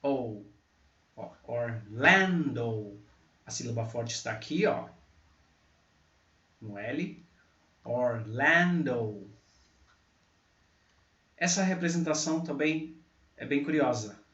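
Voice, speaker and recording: A male teacher gives an unhurried pronunciation lesson at a slow, deliberate pace. He repeats each example word louder and clearer than the talk around it. The sound is dull and roomy, as if picked up from some distance. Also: medium pitch, lively intonation. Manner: repeats example words slowly and loudly. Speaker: English teacher. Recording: echoey, distant, dull mic.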